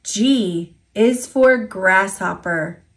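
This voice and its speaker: A woman with a medium-pitched voice and an American accent reads an alphabet picture book for toddlers. Her enunciation is simple and deliberate.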